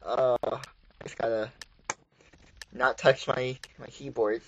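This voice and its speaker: A man talks through his gameplay in a loose, rambling way, cracking jokes and breaking into sudden exclamations. His voice sits at an ordinary middle pitch. It comes across as casual commentary from a video host. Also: fairly even intonation, takes it slowly, muffled recording, very noisy. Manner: rambling, jokey, exclaims often. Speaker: gaming YouTuber.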